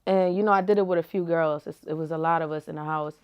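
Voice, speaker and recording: A woman's voice: low voice, fairly even intonation, quick pace, smooth, dull audio. A young woman giving casual, slangy answers as an interview guest, laid-back and full of "like" and "you feel me". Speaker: rapper and reality TV personality, guest.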